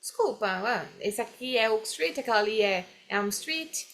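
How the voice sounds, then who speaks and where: A woman teaching English, explaining phrases slowly and having students repeat them. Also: a little high, lively intonation, fairly bright tone, a little hiss or hum. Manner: drills phrases slowly, mixes English lines into Portuguese explanation. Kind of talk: classroom explanation.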